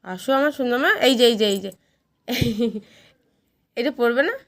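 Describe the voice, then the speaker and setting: Casting note: a woman, a fairly high voice, cooing baby talk to a pet. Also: lively intonation, normal speed. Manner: coaxing, cooing, repeating words. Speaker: vlogger talking to her pet rabbit.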